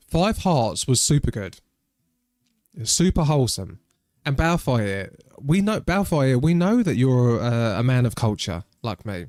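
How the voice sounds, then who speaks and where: Chatty British streamer, medium voice, dry close mic. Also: male voice, medium pitch, a little mellow, no room sound. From Britain. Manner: rambling, chatty, nostalgic. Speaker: game streamer. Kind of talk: casual live-stream chat.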